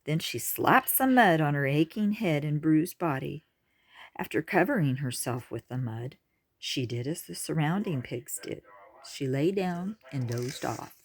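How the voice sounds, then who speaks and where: Slow expressive woman storyteller. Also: deep voice. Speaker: audiobook reader. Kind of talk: storybook narration.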